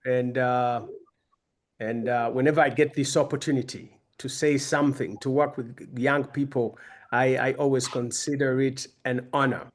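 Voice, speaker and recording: A man in his fifties from Uganda, giving a conversational, self-deprecating personal talk to young people as a guest speaker. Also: medium pitch. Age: 50s.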